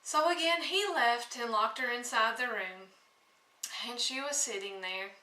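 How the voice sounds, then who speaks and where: A woman retelling a fairy tale in a casual, folksy manner. Her voice is bright and slow-paced. The recording is roomy and echoey, with the mic set back from her. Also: fairly high pitch. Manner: folksy, with frequent fillers and restarts. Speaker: storyteller. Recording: echoey room, mic at a distance.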